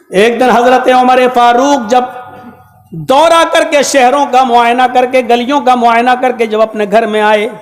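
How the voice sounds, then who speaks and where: A man from Uttar Pradesh, India, preaching a dramatic, moralizing story sermon at a religious gathering and speaking straight to the crowd. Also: extremely high pitch. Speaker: maulana, preacher. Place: large gathering hall. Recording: echoey hall with long reverb.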